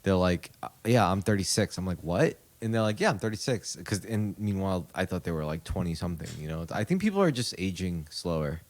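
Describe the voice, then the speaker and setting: Low-voiced guy in his 30s riffing on a podcast, jokey and rambly. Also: animated, fairly quick, hardly any pauses, a little mellow. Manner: rambling, joking, repeats himself. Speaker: podcast co-host. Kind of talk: casual chat.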